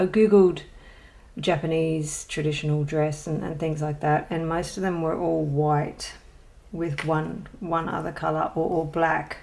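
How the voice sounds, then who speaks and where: A woman with a low, gravelly and slightly mellow voice hosts a colouring channel and chats through a casual show-and-tell vlog. She rambles and hesitates, with many ums and restarts, adding self-deprecating, chatty asides.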